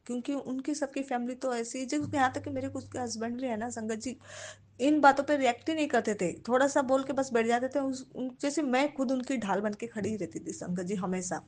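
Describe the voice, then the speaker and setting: A woman's voice: high-pitched, brisk, a little mellow. A woman sharing a devotional testimony, addressing the congregation respectfully in nearly every sentence.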